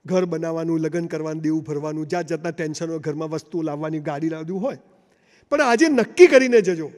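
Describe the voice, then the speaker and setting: A man's voice: a little high, quick pace, a little mellow. A man giving a motivational speech to a live audience, telling stories with acted dialogue and rising to emphatic calls. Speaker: motivational speaker. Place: large hall, before a seated audience. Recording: long hall reverb.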